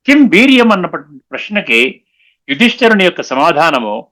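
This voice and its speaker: A man giving a spiritual discourse, explaining patiently, slowing down on key sayings and often checking that listeners understood. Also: a little high, very animated, sharp tone. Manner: mixes English words into his talk; repeats and slows down on key sayings. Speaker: spiritual lecturer.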